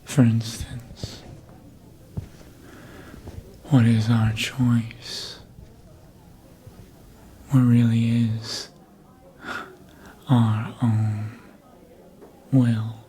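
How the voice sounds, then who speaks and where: Speaking right into a close ASMR mic, an actor voices a calm yet menacing vampire who seduces and controls minds. The breathy, frequently whispered delivery is medium-pitched, flat, and mellow, smug and hypnotic, unhurried with long pauses, and the recording sounds rough.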